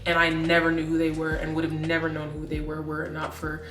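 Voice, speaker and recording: A woman in her late twenties with a lowish voice rambles through a casual vlog chat, peppering her thoughts with "like" and doubling back mid-sentence. She sounds set back from the mic in an echoey room. Faint music plays underneath. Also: completely flat delivery, fast, distant mic. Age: 20s. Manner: rambling, many "like" fillers and restarts. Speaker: vlogger.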